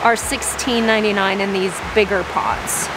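A woman's voice: medium pitch, normal speed. A young woman vlogging a plant shopping trip in a large greenhouse nursery, gushing over plants and reading the prices aloud. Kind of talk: excited plant-shopping vlog. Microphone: handheld phone camera. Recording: steady background noise.

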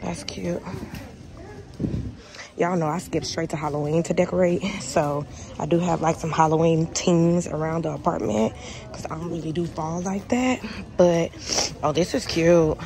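With a low, steady voice at normal speed, a young woman vlogging about lifestyle chats easily to camera at home and later in a store. She is chatty, addresses her audience as "y'all," and a faint hum runs underneath.

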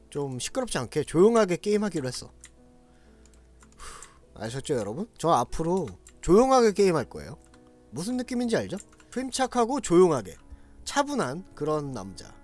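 A man doing loud, excitable gameplay commentary, exclaiming and talking straight to his viewers. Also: high voice, fairly quick, soft background music. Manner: loud, excitable, shouting and laughing often; talks to viewers directly. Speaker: game streamer.

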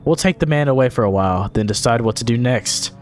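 A man voicing a calm official in a hazmat suit from a game, in a flat procedural tone. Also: mid-range voice, fast talker, faint music behind, close to an everyday voice.

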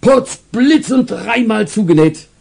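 Old market stallholder, loud, blustery, soft-hearted, voiced by a male narrator. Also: mid-range voice, big pitch swings, moderate pace, pitched above the performer's own voice. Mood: blustery, kindly. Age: older. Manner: loud exclamations, warm gruff kindness. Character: poor old man, market stall owner, kindly, blustery. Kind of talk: storybook character voice.

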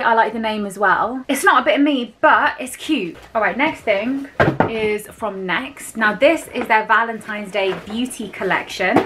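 A woman's voice: fairly high pitch, noisy background. Young woman, casual haul vlog, enthusiastic, lots of fillers. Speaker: beauty vlogger. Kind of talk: casual haul chat to camera.

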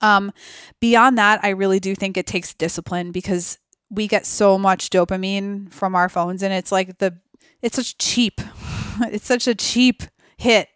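A woman speaking as a podcast guest in a relaxed, earnest conversation, reflective and quick to laugh. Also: medium pitch, clean tone, dry recording, clean studio sound. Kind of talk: conversational interview.

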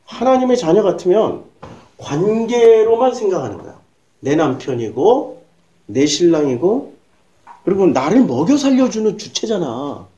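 A woman pastor delivers her sermon bluntly and emphatically, peppering it with rhetorical questions and coarse slang. Her voice is mellow and dark in tone, yet her pitch swings widely from phrase to phrase. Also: very animated, unhurried, lo-fi sound. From South Korea.

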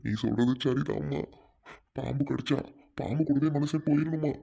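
A man playing a grieving old father, flat and mellow. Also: on the high side, normal speed, vocal fry. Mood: mournful. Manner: lamenting, mournful complaint. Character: grieving widowed old father, lost and hopeless. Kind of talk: amateur Tamil family drama acting.

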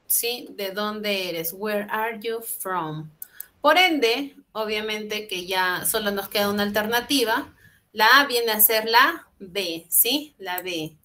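A young woman's mid-range, pushed and bright voice comes over a video call, picked up by her laptop webcam in a small room at home. She takes her time walking students through English exercises online, patiently shifting between Spanish and English.

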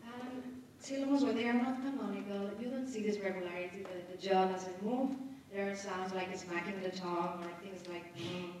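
A woman's voice: mid-range voice, fairly even intonation, moderate pace, a little mellow, a little hiss or hum. A woman giving a conference lecture, explaining step by step and adding tag questions as she goes. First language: Spanish. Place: conference hall. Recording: echoey hall from far off.

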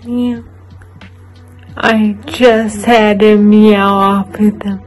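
A woman vlogging casually to camera, talking in halting, rambling bits with many restarts. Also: mid-range voice, little pitch movement, faint music behind, low-quality recording. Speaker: vlogger documenting her recovery.

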